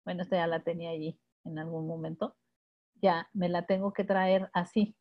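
A woman's voice: fairly low pitch, fairly even intonation, moderate pace. A woman with a Mexican accent leading a live webinar tutorial, explaining step by step and checking in with her listeners. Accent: Mexican Spanish. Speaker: instructor. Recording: dull lo-fi webinar audio.

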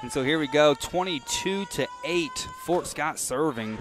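Energetic young male volleyball commentator. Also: fairly high pitch, unhurried. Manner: energetic, calls scores and plays. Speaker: play-by-play commentator. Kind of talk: live sports commentary.

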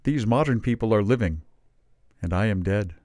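A man reading aloud gives a higher, weak and plaintive voice to a feeble, dying, mild old Father Christmas. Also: lively intonation, normal speed, a little mellow, no echo, clean studio sound, natural voice.

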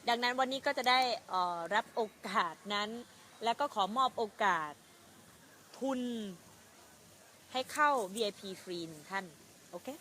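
A woman's voice: on the high side, lively intonation, unhurried, long pauses, bright, forceful tone, a little hiss or hum. A woman hosting a live-stream phone-in chat, blunt and teasing. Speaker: host.

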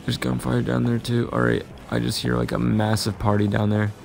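Gravelly young man commentating his game. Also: mid-range voice, moderate pace, a little hiss or hum. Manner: frustrated, self-talking, sudden excited yelps. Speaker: gaming channel host. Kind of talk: casual gameplay commentary.

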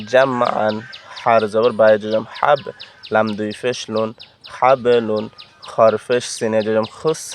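A man's voice: fairly low pitch, slight background noise. A man teaching Quran reading step by step, patiently spelling out letters and vowel marks and then chanting the syllables. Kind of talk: step-by-step recitation lesson.

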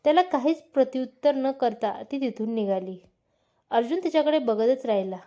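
A woman narrates a family story in a calm, even storytelling manner. Her voice is fairly high with a warm, mellow tone. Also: moderate pace.

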